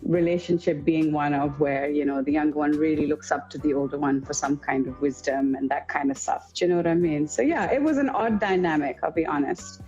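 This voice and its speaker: A woman's voice: deep voice, a little fast, few pauses, warm tone, highs cut off, soft background music. A woman in her thirties, raised in Pakistan and England, chatting casually as an interview guest and often asking "do you know what I mean". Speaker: interview guest, homeschooling mum. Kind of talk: casual conversation on a livestream.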